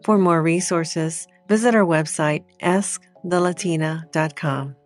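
Low-voiced woman podcast host. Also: measured pace, faint music behind. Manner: scripted intro, then loose questions with fillers. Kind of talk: interview hosting.

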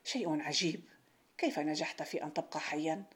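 A woman's voice: low-pitched, steady tone, fairly quick, natural voice. A woman reading the lines of a rich, bored, domineering middle-aged merchant in a folk tale. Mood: commanding. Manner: challenging, commanding.

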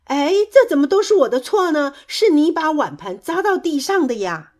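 A woman's voice: high voice, animated, unhurried, mellow. A woman doing a clumsy, stubborn young critter. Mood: eager.

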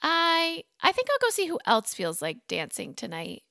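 A woman voicing a cheerful, excitable male skeleton with bubbly, high-pitched exclamations. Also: moderate pace, creaky, no echo, studio quality, exaggerated voice. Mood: excited.

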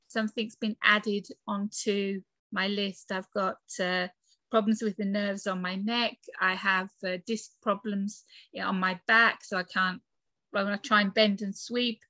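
Chatting casually from her bedroom office, this UK author and podcaster in her forties appears as an interview guest, filling her talk with fillers and laughs. She is British, with a medium-pitched voice, a bright, forceful tone, and no echo.

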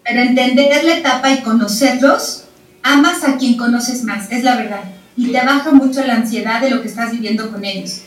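A woman with a high voice explains parenting in an animated way, stressing points by repeating words and briefly playing out little scenes. She sits away from the mic in a roomy, echoing space. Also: moderate pace. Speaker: parenting expert guest. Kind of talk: explanatory chat. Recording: roomy sound from a distant mic.

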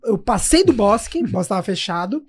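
São guy on a podcast, animated storyteller, keeps repeating himself, casual chat. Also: high-pitched, a little fast.

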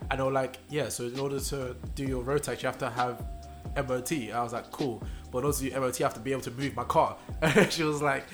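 Fast-talking man telling stories. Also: mid-range voice, steady tone, over music. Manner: fast, chatty storyteller using slang. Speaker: podcast co-host. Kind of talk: casual chat.

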